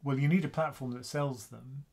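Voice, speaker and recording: This investing channel host from the UK, a soft-spoken man in his fifties, runs a live Q&A stream, answering questions via the webcam at his desk in a small home room. His chatty, casual voice sits at medium pitch, mid-range for a male, with fairly even intonation, a moderate pace and some vocal fry.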